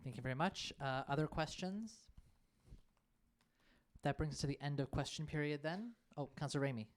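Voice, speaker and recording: A man's voice: fairly high pitch, moderate pace, slight background noise. A man chairing a student council session, calling on speakers and running votes in a procedural way. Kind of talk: formal meeting chairing. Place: council chamber.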